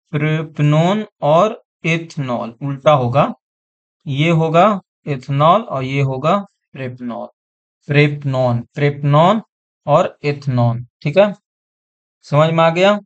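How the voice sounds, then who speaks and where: A man's voice: fairly high pitch, highs cut off. A man teaching an exam-prep science class online, repeating terms and often checking that students follow.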